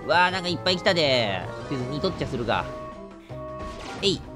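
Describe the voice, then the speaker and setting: A man with a Kansai accent giving joking, lively let's play commentary as a game streamer. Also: fairly high pitch, fast, over music. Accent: Kansai Japanese. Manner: joking, exaggerated indignation, lively reactions.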